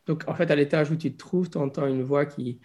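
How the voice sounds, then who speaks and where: A man's voice: on the high side, steady tone, a little fast, a little mellow. A man improvising narration as game master of a tabletop game, hesitantly searching for his words.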